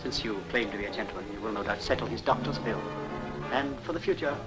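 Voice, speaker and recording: A man's voice: lowish voice, fast, close to an everyday voice. A man playing a dignified, middle-aged Victorian father with a British accent, formal and firm, in 1940s film style. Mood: coldly firm. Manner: formal, courteous, authoritative. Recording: old 1940s film soundtrack with music.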